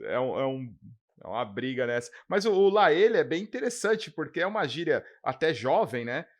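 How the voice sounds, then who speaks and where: A man's voice: on the high side, very animated, a little fast. A man co-hosting a podcast, telling stories casually and animatedly, with restarts and repeated words. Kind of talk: casual chat.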